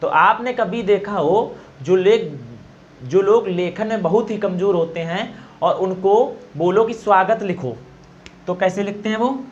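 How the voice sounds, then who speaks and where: A man's voice: high voice, a little slow, highs cut off, slight background noise. A man teaching pronunciation for exams, patiently explaining and repeating sounds aloud to demonstrate them. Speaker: Hindi exam teacher. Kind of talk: classroom-style explanation.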